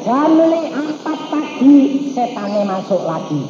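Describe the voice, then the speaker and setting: A man's voice: very high voice, sing-song, slow. A man preaching a sermon, telling a story and acting out voices and sound effects. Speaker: evangelist preacher. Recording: echoey hall, dull lo-fi sound with background noise.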